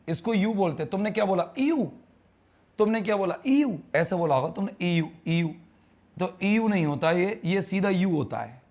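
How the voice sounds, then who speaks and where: A male teacher with a slightly high voice leads a live online English grammar class. He's chatty and teasing as he quizzes students on their answers.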